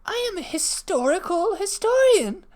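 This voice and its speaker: A woman's voice: very high voice, very animated, normal speed, a little mellow. A woman playing a prim, fussy time-traveling historian who speaks in stiff formal phrases, in improvised comedy. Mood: flustered. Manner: stiff formal diction, flustered. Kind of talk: improvised comedy podcast acting.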